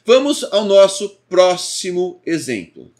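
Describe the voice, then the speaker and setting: A man's voice: sits high, slow pace. Man teaching a coding lesson. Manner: steady, explanatory, walks through code line by line. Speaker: programming instructor.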